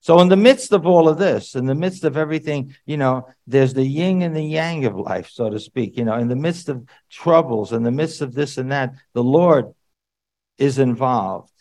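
Guy preaching a sermon, chatty, asks the crowd stuff, suddenly gets loud to make a point. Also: medium pitch, normal speed. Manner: conversational, with sudden loud emphatic bursts; frequent asides and rhetorical questions to the congregation.

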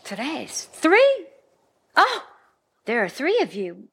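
A woman's voice: high-pitched, huge pitch swings, slow pace, a bit bright, heavily acted. An actress playing a kind, motherly woman driving a car. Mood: tender. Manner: kindly, motherly, drawling. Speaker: lead character Thyme.

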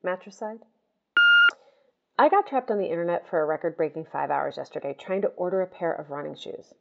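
A woman's voice: on the low side, lively intonation, brisk, vocal fry, narrow, tinny audio. A young woman in a comedic audio drama leaving rambling, exasperated voice messages. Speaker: lead character leaving voice messages.

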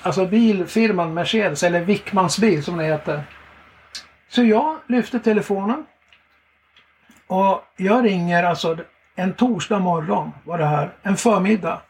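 Animated, high-voiced storytelling man. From Sweden. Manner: animated, laughs often. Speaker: preacher sharing testimonies. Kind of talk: lively storytelling.

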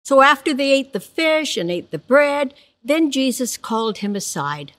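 A woman preaches as a guest speaker, retelling scripture stories with animated energy. Her voice sits fairly high and ranges widely in pitch, rising and falling expressively as she tells each story. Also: moderate pace. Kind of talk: sermon.

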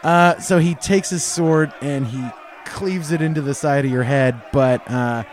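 A man's voice: on the high side, a little slow. A man running a tabletop game as game master, telling the scene loosely with fillers and frequent laughter.

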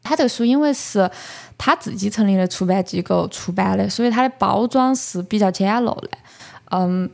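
A woman podcast host speaks with a Sichuanese accent in a gravelly, fry-edged voice at a medium pitch. She explains things conversationally, as in a casual book talk, and slips English words into her sentences. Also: normal speed.

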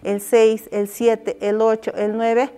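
A Peruvian woman gives measured documentary testimony, carefully recounting dates. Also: fairly high pitch, flat delivery, mellow, clean tone. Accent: Peruvian Spanish.

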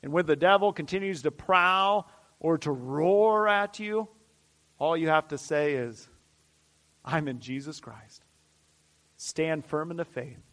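Man, preacher, sermon, high voice, slow measured delivery, fervent repetition, drops to near-whispers. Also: expressive. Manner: dramatic swings from loud declarations to hushed near-whispers; fervent, repetitive emphatic phrasing.

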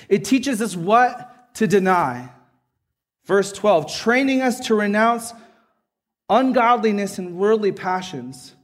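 A man preaching a sermon with a notably high voice. He speaks slowly and deliberately, in an earnest tone. He often pauses to ask "right?" as he explains. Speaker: pastor.

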